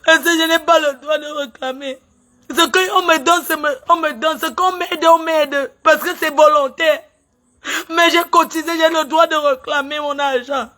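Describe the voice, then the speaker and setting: A woman livestreaming from her phone airs a grievance in an emotional social media rant, tearful and indignant. Her voice is high, bright, and forceful with a steady tone at normal speed, and she keeps firing off the same agitated, outraged questions.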